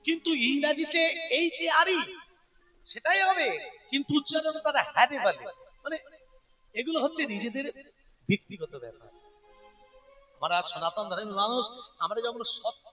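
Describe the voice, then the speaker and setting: A male preacher with a very high, bright voice delivers a devotional sermon. He explains patiently, spelling words out and repeating key points. The mic is set some distance from him. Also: lively intonation, normal speed, pauses often, soft background music. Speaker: kirtan preacher.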